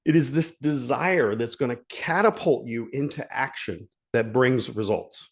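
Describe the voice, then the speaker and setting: A man speaking as a life coach, delivering a motivational talk in an earnest, emphatic way. He leans on key phrases and repeats them to drive the point home. His voice sits at an ordinary middle pitch. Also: unhurried.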